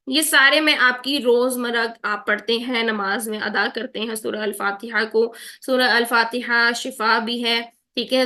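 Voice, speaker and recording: A woman teaching Quran recitation in an online lesson, patiently drawing words out slowly to demonstrate and checking in with her students often. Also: a little high, sharp tone. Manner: checks in often with "theek hai?".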